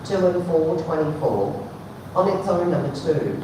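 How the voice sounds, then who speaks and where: A woman working as a bingo caller, reading out numbers digit by digit in a measured sing-song formula that drops at the end of each call. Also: sits low, lively intonation. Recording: very echoey, distant, noisy hall PA.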